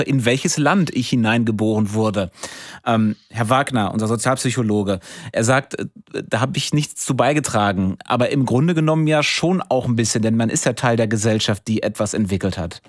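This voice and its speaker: Brief: male radio call-in host, brisk questions, dry studio sound. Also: mid-range voice, dry recording. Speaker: radio talk show host. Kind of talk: live radio call-in moderation.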